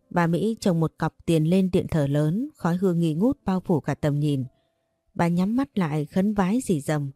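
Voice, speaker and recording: A woman reading a story aloud in a calm, even scripted narration. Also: on the low side, no room sound, studio quality.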